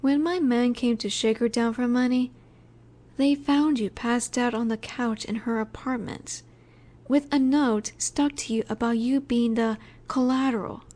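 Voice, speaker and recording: A woman voice actor plays a female mafia boss in an intimate scripted audio roleplay addressed to the listener. Her voice is high, soft and mellow, natural and steady, unhurried and soothing yet commanding, with a calm, warning mood.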